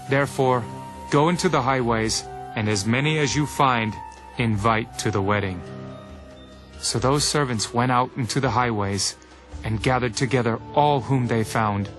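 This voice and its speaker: An actor playing Jesus in a scripture audio drama, a teacher speaking parables with solemn, measured authority. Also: male voice, mid-range voice, natural voice, rough recording. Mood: measured storytelling. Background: music.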